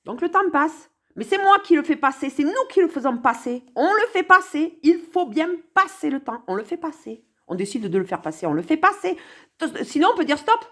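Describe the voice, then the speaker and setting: Woman riffing on song lyrics, high voice that jumps all over, mocking and chatty. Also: big pitch swings, fairly quick, fairly bright tone. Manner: sarcastic, playful, talks to the viewer. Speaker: commentator on a song. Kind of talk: casual spoken commentary.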